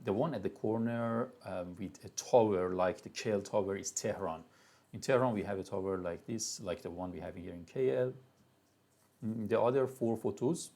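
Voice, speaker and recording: A man's voice: on the low side, a little mellow. Persian-accented man giving a lecture. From Iran. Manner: loose, chatty lecturing with many restarts and fillers. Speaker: university lecturer. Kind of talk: live classroom lecture.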